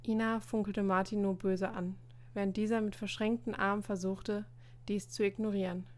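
A woman reading a story aloud as narrator, telling it in a lively way. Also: mid-range voice, moderate pace. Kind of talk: audiobook reading.

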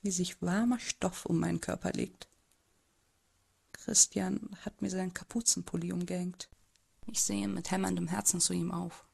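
Woman voicing a timid, husky teenage boy narrator. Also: on the low side, darkish tone, exaggerated voice. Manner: hesitant, subdued first-person narration. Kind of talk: amateur audio drama narration.

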